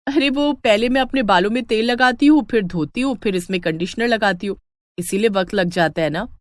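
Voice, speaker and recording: A woman's voice: mid-range voice, brisk, no room sound, clean studio sound, lightly acted. A woman voicing a vain, touchy young daughter-in-law in a cartoon story, whiny and protesting. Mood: apologetic.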